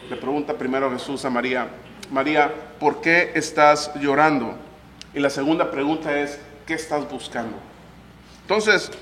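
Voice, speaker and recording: A man's voice: sits high, fairly bright tone. A man leading a Bible study and asking the group questions as he teaches. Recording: echoey hall, faint room noise.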